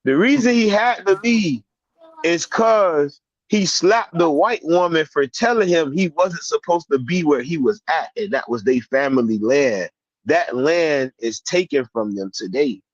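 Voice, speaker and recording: A man telling stories in casual chat, animated, slangy and profane. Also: on the high side, unhurried, dry recording. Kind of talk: casual storytelling and group chat. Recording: slightly dull lo-fi audio.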